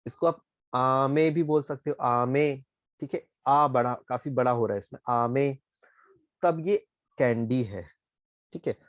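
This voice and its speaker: A man with an Indian accent, a Japanese teacher explaining words slowly and asking "ठीक है?" often. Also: medium pitch, no room sound. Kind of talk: online class explanation.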